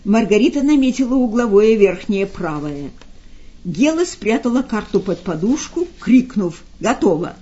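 A woman narrating a literary audiobook in an expressive, measured way. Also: medium pitch, husky. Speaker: audiobook reader. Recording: slightly dull lo-fi sound.

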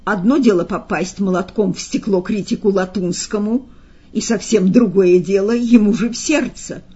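A woman voicing a terse, gruff male demon henchman who speaks curtly. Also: medium pitch, steady tone, normal speed, warm tone. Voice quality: curt, blunt. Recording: slightly dull lo-fi sound.

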